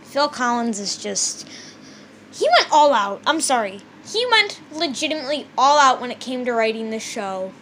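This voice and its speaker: Lively high-voiced woman co-host. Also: moderate pace, a little hiss or hum. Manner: excitable, giggly, hesitant restarts. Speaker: podcast co-host. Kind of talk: casual chat.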